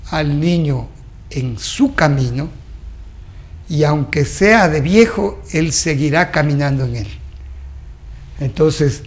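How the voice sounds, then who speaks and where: A man's voice: a little high, a little mellow. A middle-aged man, a guest doctor on a TV interview, explaining in an earnest, didactic way and laying out his points one by one.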